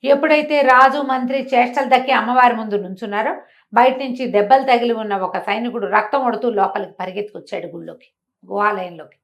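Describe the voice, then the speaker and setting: Speaking quickly in a slightly high, creaky voice, a woman recounts a story in lively talk-show fashion. She keeps it conversational, posing rhetorical questions as the tale unfolds.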